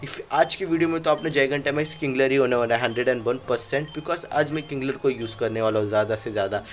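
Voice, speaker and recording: A young man who runs a gaming channel gives casual Let's Play commentary on a handheld game, recorded on a phone. He talks briskly in a mid-range voice, rambling with lots of fillers and mixing in English words.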